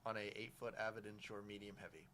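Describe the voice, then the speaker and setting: A man with an American accent telling excitable fishing stories in casual chat. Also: lowish voice, slight background noise. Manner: fast, excitable storytelling. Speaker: fishing guide.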